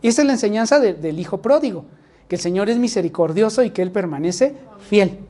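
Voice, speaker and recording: Fairly quick and lively in intonation, a high-voiced man with a mellow tone and a Mexican accent delivers a sermon, repeatedly addressing his listeners with rhetorical questions.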